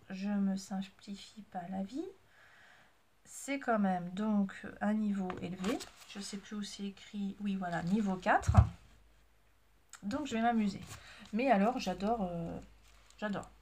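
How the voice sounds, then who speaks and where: Speaking at a medium pitch over a faint hiss or hum, this sewing and knitting vlogger, a mother with a child, talks loosely to her viewers. Her chat wanders, is self-mocking, and is packed with fillers.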